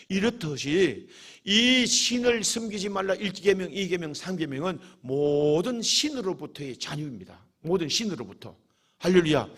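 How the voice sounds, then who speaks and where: A male pastor delivers a fervent sermon, his voice sitting high for a man and slightly husky. He preaches with dramatic rhetorical questions, and his pitch rises and falls widely as he presses his points. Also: a bit bright.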